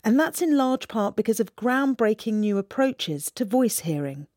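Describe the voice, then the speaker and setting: Expressive woman narrating a documentary. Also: a little high, no room sound, clean studio sound. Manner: measured, expressive storytelling. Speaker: reporter.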